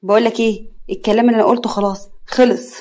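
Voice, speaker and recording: A woman storyteller voicing a sharp-tongued but loving older Egyptian mother who talks loudly and scolds. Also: fairly high pitch, steady tone, racing, natural voice. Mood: indignant. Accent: Egyptian Arabic. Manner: loud, scolding, exasperated.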